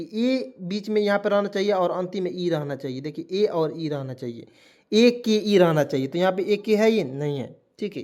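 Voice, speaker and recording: A man's voice: sits high, a little mellow. A man teaching a spoken lesson, spelling words letter by letter and asking viewers questions again and again. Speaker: English teacher.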